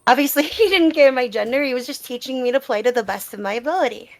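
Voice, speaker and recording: Speaking fast in a high voice, a woman gamer answers questions in a casual live Q&A. Her talk is personal, reflective and explanatory, with a conversational feel.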